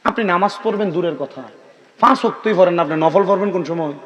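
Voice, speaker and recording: A man's voice: high voice, fast, a bit bright. A middle-aged man preaching an Islamic sermon, bantering with the gathering and calling on them to answer back. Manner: chatty, bantering, calls out to the crowd for responses.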